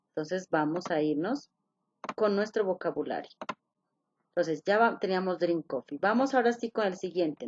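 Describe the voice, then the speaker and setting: A woman whose voice sits on the low side teaches English by video call, with slight background noise and a little muffling on the line. She patiently explains each step, repeats key ideas, and keeps checking in with questions to her students.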